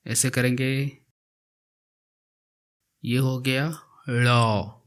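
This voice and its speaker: Male teacher, unhurried voice-over alphabet lesson, patient repetition. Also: medium pitch, flat delivery, fairly bright tone, smooth. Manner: repeats each letter slowly while writing it. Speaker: language teacher.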